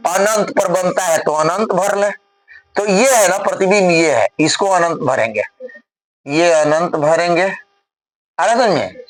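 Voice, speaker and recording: Man teaching physics, high voice, slow deliberate delivery, step-by-step board work, checks the class often. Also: rough recording. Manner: explains step by step, often asks the class if they follow. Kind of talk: classroom lecture solving a problem on the board.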